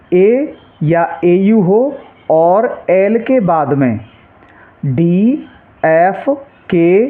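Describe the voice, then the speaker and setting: A man teaching English spelling rules, patient, stating each rule twice and quizzing the learner with short questions. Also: on the high side. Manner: patient, repeats each rule and asks quiz-style questions. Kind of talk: classroom-style explanation. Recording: tinny phone-like sound.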